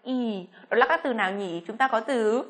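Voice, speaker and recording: A Vietnamese woman teaching English pronunciation, speaking slowly on her model words between quicker explanations. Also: a little high. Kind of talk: pronunciation lesson.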